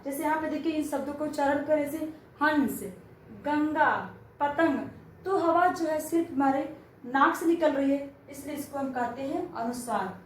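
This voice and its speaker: A high-voiced woman teaches a grammar lesson, asking children questions and then answering them herself. She sounds a little away from the mic, in a strongly echoing room with faint background hiss. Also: recorded from a distance.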